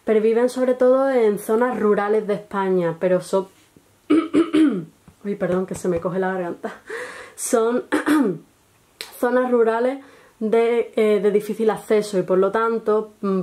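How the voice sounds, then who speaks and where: A woman with an Andalusian accent delivers a recorded lesson to her students. She explains one point at a time, pausing on short fillers and checking that everyone is following. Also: mid-range voice, warm tone. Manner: explanatory, frequent pauses and "eh" fillers, checks understanding with "¿vale?". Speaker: teacher.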